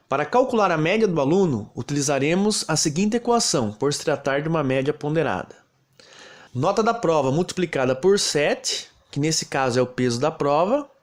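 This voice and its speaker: A Brazilian man teaches a programming class, walking through each step at an even rate. His voice sits a little high, and his pitch rises and falls a lot as he explains. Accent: Brazilian Portuguese. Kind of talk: recorded lesson narration.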